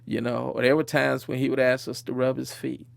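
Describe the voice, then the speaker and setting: A man's voice: medium pitch, flat delivery, moderate pace, gravelly, dry recording. A man being interviewed, recalling his childhood in a reflective way and chuckling now and then. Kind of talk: personal storytelling interview.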